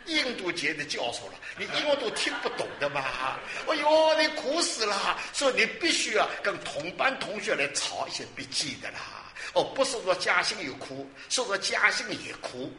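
A man in his sixties preaching a sermon, lively and exclamatory, asking questions and answering them himself. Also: sits high, a little hiss or hum. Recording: roomy hall with faint ambience.

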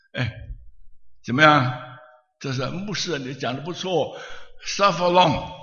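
Bright-voiced male pastor preaching in an echoey hall. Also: on the high side. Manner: animated, chuckling storyteller. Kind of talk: storytelling sermon. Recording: echoey hall, slightly muffled.

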